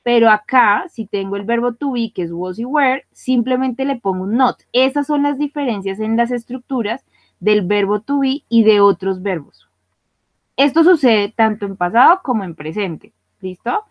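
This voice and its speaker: A woman's voice: fairly high pitch, animated, moderate pace, no room sound. A woman teaching English grammar in an online class, speaking patiently and often checking that her students follow. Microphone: computer mic for online class. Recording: muffled lo-fi dry audio.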